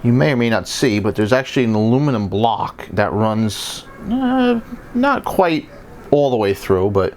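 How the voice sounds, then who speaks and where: With a mid-range voice, a man acting as a technician walks through a hands-on repair tutorial. His explanations are casual, plain-spoken and conversational.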